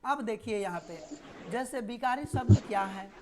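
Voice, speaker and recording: A woman's voice: medium pitch, normal speed, noisy background. A woman teaching a live online grammar class, explaining with little memory stories and repeating key words.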